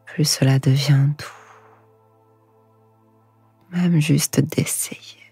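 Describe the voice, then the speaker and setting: Slow, breathy woman whispering right in your ear. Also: deep voice, steady tone, dark tone. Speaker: hypnosis guide. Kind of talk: whispered sleep hypnosis, guided relaxation. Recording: echoing voice over music. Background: music.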